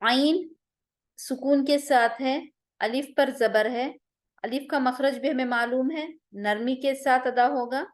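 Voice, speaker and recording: A woman's voice: high-pitched, fairly even intonation, slow pace. A woman teaching a Quran recitation class online, patiently drilling sounds with repeated vowel examples.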